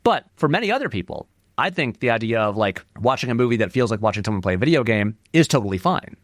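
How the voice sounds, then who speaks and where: A film critic and video essayist, appearing as an interview guest, talks fast in a medium-pitched, very animated voice. His commentary is conversational, informal, discursive and emphatic. The recording is dry and studio quality.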